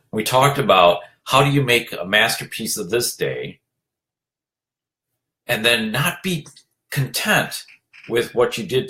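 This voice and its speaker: Earnest lower-voiced man giving a pep talk. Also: fairly bright tone. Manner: earnest, urging, repeats phrases, many "you know" fillers. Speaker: leadership coach hosting a motivational segment. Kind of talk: motivational talk.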